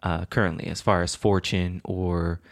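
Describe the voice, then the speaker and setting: A man in his twenties co-hosting a casual podcast with his partner, talking in quick runs with restarts. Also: low voice, little pitch movement. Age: 20s. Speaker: podcast co-host. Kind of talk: casual couple's podcast chat.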